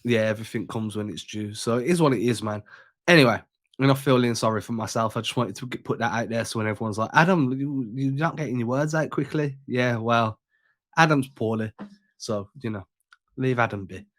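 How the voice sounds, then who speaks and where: Congested, slangy podcast host. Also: male voice, lowish voice, a little fast, no room sound, clean studio sound. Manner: laid-back, slangy, chatty. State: sick and congested. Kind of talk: casual sports podcast chat.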